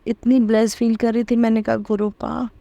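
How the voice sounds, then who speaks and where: Devout woman sharing, warm mellow voice. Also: a little high, completely flat delivery, fairly quick, dry recording, lo-fi sound. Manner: emotional, repeating words of thanks softly. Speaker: devotional satsang host. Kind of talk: devotional testimony talk.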